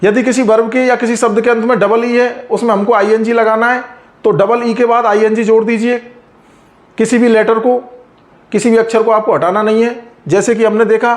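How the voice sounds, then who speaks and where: A man explains grammar rules like a teacher. He speaks patiently and drags out example words slowly so each sound comes through. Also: high-pitched. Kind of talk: explaining a lesson.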